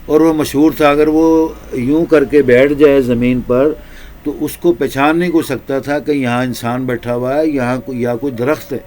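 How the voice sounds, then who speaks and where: A man preaching in a slow, repetitive storytelling manner with drawn-out pauses. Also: mid-range voice, steady tone, a little mellow. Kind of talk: storytelling sermon.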